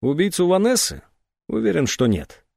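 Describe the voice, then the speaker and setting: A man reading aloud, voicing a calm man who reasons in a terse, measured way. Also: sits high, creaky, slightly rough, no room sound, clean studio sound, voice pushed up, full character voice.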